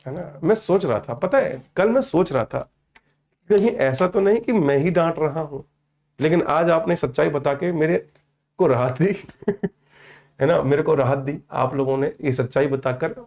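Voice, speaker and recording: Gravelly-voiced teacher man in his fifties. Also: on the high side, unhurried, darkish tone. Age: 50s. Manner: chatty, teasing, calls students beta. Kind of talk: online class chat with students.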